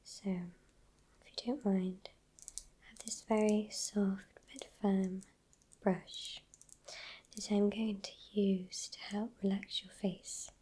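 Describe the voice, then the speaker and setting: A British woman doing a whispered role-play as a soothing healer, in a soft, breathy spa whisper, slow and reassuring. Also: mid-range voice, steady tone.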